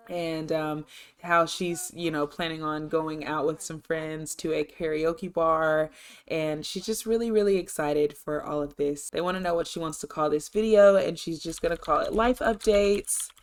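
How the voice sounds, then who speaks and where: A woman's voice: sits low, smooth. A woman narrating a life-sim game in a casual, chatty and upbeat way, rambling through what her character does. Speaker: gameplay narrator. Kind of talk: casual let's-play narration.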